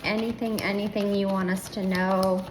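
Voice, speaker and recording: A middle-aged woman doing a casual tarot reading, her voice slightly hoarse and often slipping into a soft, breathy whisper. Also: medium pitch, level tone, moderate pace, noisy background. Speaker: tarot reader. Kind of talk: casual spiritual reading chat.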